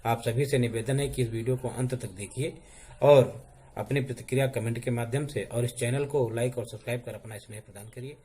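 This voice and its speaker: A man teaching a slow, deliberate grammar lesson for young schoolchildren, spelling out sounds. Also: medium pitch, steady tone, warm tone, slightly rough. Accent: Hindi.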